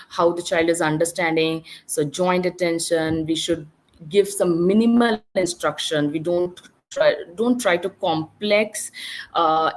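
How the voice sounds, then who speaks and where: A woman speech-language therapist presents to an online symposium over a video call. She explains her methods patiently and step by step, often pausing on fillers and restarting her sentences. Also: on the low side, poor audio.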